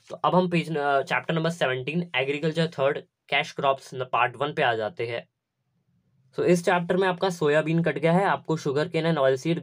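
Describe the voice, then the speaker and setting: A young man, teaching a syllabus lesson step by step and repeating his instructions. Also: medium pitch.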